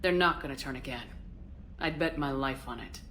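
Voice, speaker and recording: A woman's voice: very deep voice, normal speed, fairly bright tone, a little hiss or hum. An actress playing a confident, resolute female military commander in a game, direct and assured. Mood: firm, persuasive. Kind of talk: scripted game dialogue.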